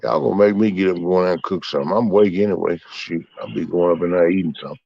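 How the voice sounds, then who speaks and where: Guy, real low voice, rambling folksy chat to his stream, kinda muffled. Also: very fast, vocal fry, no room sound. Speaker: livestream host. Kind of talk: casual chat with viewers. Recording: muffled, dry.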